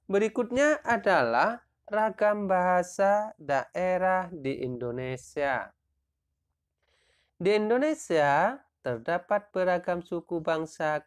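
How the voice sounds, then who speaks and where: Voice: medium pitch, clean tone. A teacher narrating a primary-school lesson video, reading out long lists of names one at a time.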